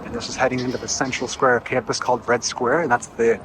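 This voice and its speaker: Walking mostly outdoors with a few indoor stretches, a middle-aged visitor vlogs a campus tour, talking fast in a level, medium-pitched voice. He sounds keen but casual about the details, while traffic and city noise run underneath.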